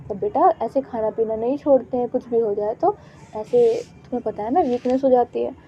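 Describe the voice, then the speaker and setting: A woman's voice: on the high side, brisk, highs cut off, slight background noise, natural voice. A woman voicing a caring, fussy middle-aged mother who coaxes and scolds, in a storybook reading. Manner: warm but scolding, motherly.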